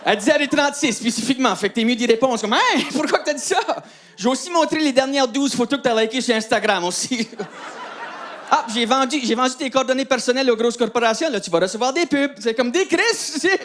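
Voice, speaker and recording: An Acadian French-accented comedian in his thirties, from New Brunswick, Canada, talks fast at an extremely high pitch with a slightly bright tone. Chatty and self-deprecating, he keeps cracking up at his own jokes on a live comedy stage, with faint audience laughter and slight background noise.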